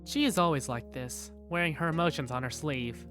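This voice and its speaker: In a deep, natural voice at a fairly quick pace, a woman voices an affectionate young working big sister in a visual novel fan dub, narrating her own story and speaking dialogue in the first person. The mood is affectionate and playful, with music in the background.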